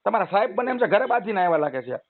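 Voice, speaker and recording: A loan customer on a recorded phone call, this man sits high in pitch and speaks very fast and very animatedly. He argues his case at length in a persuasive, lecturing, long-winded way, heard through a tinny line with faint noise.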